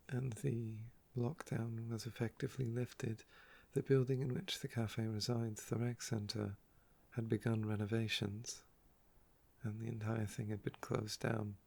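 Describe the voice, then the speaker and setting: With a level tone, a male ASMR creator talks quietly in a mid-range voice marked by heavy vocal fry and a croaky quality. His storytelling is personal, leisurely, and faintly wistful as he drifts from one thought to the next.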